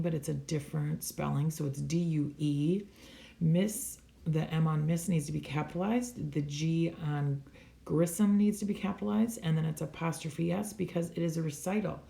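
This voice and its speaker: Lady teacher going over answers step by step, low gravelly voice, kinda echoey room. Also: dark tone. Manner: patient, step-by-step explaining. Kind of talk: recorded classroom lesson walkthrough. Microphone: tablet microphone.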